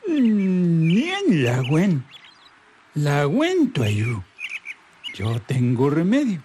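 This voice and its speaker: A storyteller voicing a sly male fox who longs to sing like a bird, talking in a slow, drawn-out croon. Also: mid-range voice, huge pitch swings, a little mellow, slight background noise, exaggerated voice. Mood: mournful.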